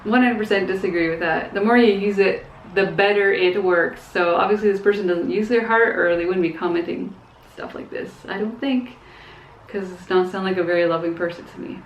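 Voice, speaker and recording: A woman's voice: medium pitch, a little fast, slight background noise. A young woman talking frankly in a casual opinion vlog, earnest but hesitant, with fillers and small laughs. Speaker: vlogger. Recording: echoey, dull room sound.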